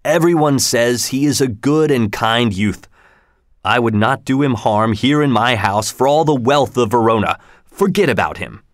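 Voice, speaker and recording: A man's voice: medium pitch, lively intonation, moderate pace, dry recording, clean studio sound, close to an everyday voice. Old Capulet, a man doing a stern old lord. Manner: stern, commanding. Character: old commanding nobleman, head of house.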